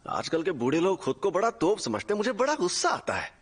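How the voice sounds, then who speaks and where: A man's voice: sits high, very animated, fast talker. A man voicing a cocky, carefree young male sorcerer in an anime dub, teasing and taunting everyone.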